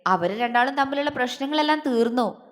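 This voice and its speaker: A woman's voice: high voice, lively intonation, a little fast. A woman doing a tender doting husband. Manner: tender, coaxing. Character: affectionate young man, doting husband. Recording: long hall reverb.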